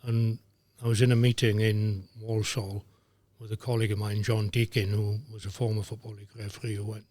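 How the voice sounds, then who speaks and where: An older man, a former referee telling lively anecdotes as a guest, dropping into voices for the people he quotes. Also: on the low side, a little fast, few pauses, dry recording. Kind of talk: anecdotal storytelling.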